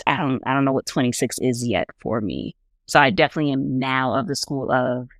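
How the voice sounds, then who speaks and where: A woman's voice: extremely low pitch, no room sound. A woman in her twenties co-hosting a casual podcast, laid-back and reflective. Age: 20s. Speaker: podcast co-host. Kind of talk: casual chat.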